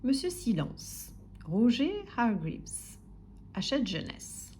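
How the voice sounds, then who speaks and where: A woman reads a picture book to little ones, her voice lively and swinging up and down in pitch. She sits a bit higher than most women and softens her delivery, at times nearly whispering. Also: slow, a little hiss or hum. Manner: expressive, soft-spoken, sometimes whispering. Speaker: storybook reader for children. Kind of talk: children's audiobook narration.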